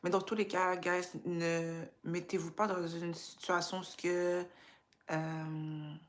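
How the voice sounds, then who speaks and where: Taking her time in a lowish, level voice, a woman from Quebec, Canada, hosts a laid-back motivational live chat. She speaks with a Quebec French accent touched by Creole and English and drops in English slang.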